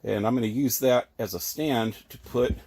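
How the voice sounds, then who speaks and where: At a tree-filled RV park, a hobby woodworker chats his way through a rambling tour of his small outdoor workshop, full of ums and restarts, captured on a handheld camera. His mid-range voice is husky with a darkish tone, moving at a moderate pace, and he's a bit out of breath.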